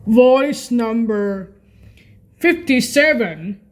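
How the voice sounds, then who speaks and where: With a fairly high pitch and lively intonation, a woman speaks very slowly as she gives an unscripted, informal walkthrough on screen. As the video's creator and presenter, she hesitates, repeats and corrects herself often, and clears her throat a lot.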